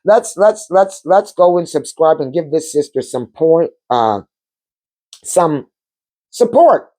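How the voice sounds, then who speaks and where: A woman's voice: sits low, animated, slow pace, mellow. A woman hosting her own vlog from her couch at home, talking in a spiritual, heartfelt way and repeating words for emphasis. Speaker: channel host. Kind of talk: casual spiritual vlog chat.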